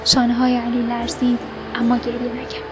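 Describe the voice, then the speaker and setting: A woman narrating a novel aloud in a soft, measured way, sometimes sinking to a whisper. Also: on the high side, completely flat delivery, rough recording. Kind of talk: audiobook narration.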